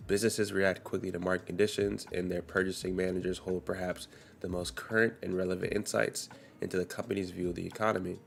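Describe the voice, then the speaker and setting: Over slight background noise, a young man talks quickly with hardly any pauses, his low voice level and creaky. He's live-streaming forex trading while getting over a cold, coughing now and then. He goes through the day's economic news, reading headlines aloud in a casual, loose way.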